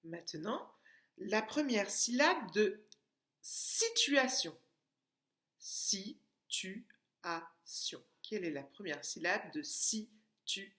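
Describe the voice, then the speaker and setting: Slow, patient teacher, lively voice. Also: female voice, mid-range voice. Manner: slow, patient, syllables tapped out and stretched. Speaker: preschool teacher. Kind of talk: remote class lesson for young children. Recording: echoey room.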